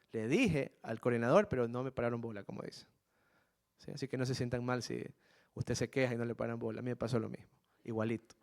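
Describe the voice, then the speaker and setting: A man's voice: medium pitch, a little mellow. Earnest man telling his story to students. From Ecuador. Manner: earnest, repeats key phrases, addresses listeners as "jóvenes". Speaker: guest speaker to students. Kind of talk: personal storytelling talk.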